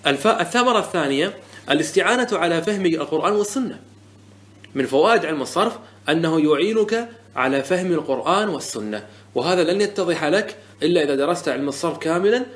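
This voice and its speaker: A man's voice: on the high side, lively intonation, fast. A man teaching a lesson on Arabic morphology, asking the class questions and answering them himself. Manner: repeats key words and corrects common mistakes.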